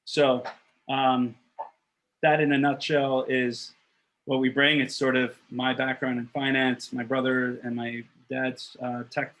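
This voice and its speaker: An earnest, blunt man in his thirties makes his case over a webcam call from a small room. His voice sits mid-range with a flat, even pitch line. He restarts phrases and leans on "um" and "uh" between points. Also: slow, poor audio. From Costa Rica. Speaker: block producer candidate. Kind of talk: election pitch on a video call. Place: small room with wooden shelves, indoors. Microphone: webcam on a video call.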